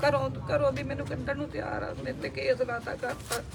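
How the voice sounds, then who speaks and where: Old lady crying and pleading, raspy crackly voice. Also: sits high, level tone, fairly quick. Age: older. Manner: pleading, tearful. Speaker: complainant.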